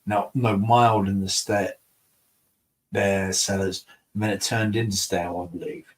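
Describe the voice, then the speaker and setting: A man who reviews beer and hosts a channel is on a casual live stream, responding to viewers' comments. He rambles and mumbles and mocks himself along the way. His voice is lowish, his intonation fairly even, and his pace unhurried.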